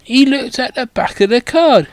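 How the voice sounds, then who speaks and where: A man's voice: extremely high pitch, animated, normal speed, no echo. A man reading a parody audiobook, swearing and wandering into rambling asides. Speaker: comedic audiobook reader. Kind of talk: irreverent parody narration.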